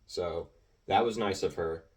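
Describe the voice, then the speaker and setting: A man's voice: low-pitched, a little slow. Rambling fifteen-year-old boy, slightly distant. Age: teens. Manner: rambling, animated, full of filler words and restarts. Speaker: gaming video creator. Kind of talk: casual storytelling commentary.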